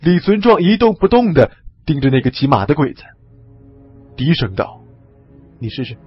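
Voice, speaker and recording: A man reading a first-person audiobook story with a husky voice and lively, swinging pitch. Faint music runs behind him, and the audio sounds slightly dull. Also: moderate pace.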